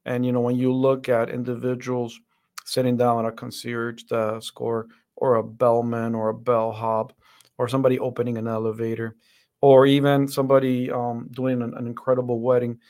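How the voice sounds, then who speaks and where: Earnest man speaking in a flat tone. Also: medium pitch, moderate pace. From Dominican Republic. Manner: earnest, reflective, many restarts and fillers. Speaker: podcast guest, center director. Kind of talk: interview conversation.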